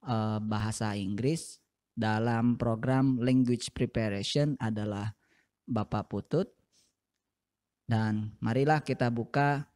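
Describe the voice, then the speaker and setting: A man's voice: mid-range voice, darkish tone. A man teaching English to young students, patiently repeating each phrase twice and explaining it step by step. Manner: explains patiently in short steps. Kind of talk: recorded classroom lesson for seventh graders.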